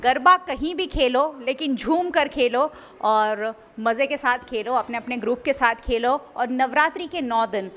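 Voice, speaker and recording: A woman's voice: high voice, measured pace, hardly any pauses, a bit bright. A woman reporting a local news feature, chatting enthusiastically and asking questions.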